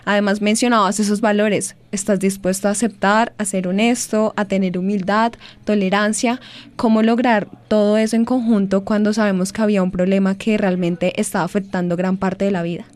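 Woman interviewer, measured and thoughtful, long questions. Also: medium pitch, little pitch movement, darkish tone.

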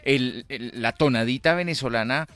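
A man's voice: medium pitch, moderate pace, a bit bright. A man interviewing a guest, asking questions with formal address and dropping in short agreeing replies.

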